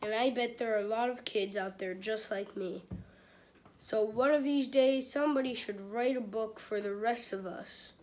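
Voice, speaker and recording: A woman's voice: a little high, darkish tone, slight background noise. A woman reading a children's book aloud, stopping and restarting phrases and turning aside to chat with her live audience. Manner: halting, with many restarts and repeated phrases. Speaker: read-aloud host.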